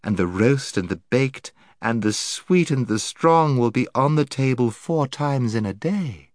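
Man putting on a honeyed storybook lady, high and lilting, trilled r's, courtly, dry close sound. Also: animated, unhurried, darkish tone, dry recording, natural voice. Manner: lilting, rolls her r's, archaic courtly speech. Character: sweet-voiced enchanting lady in green.

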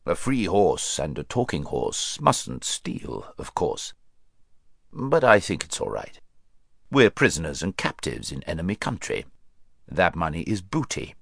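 A proud, fussy talking warhorse from a storybook, as a man reads him out. The voice sits very deep and swings up and down with feeling, grave and a bit anxious about looking dignified. The sound is dry and close. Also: sing-song, unhurried, gravelly, a bit bright, dry recording, heavily acted. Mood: earnest.

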